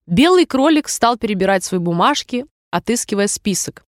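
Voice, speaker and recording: A woman's voice: medium pitch, sing-song, no room sound, studio quality. Woman reading a story aloud. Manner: measured, explanatory reading. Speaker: audiobook narrator. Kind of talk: storybook narration.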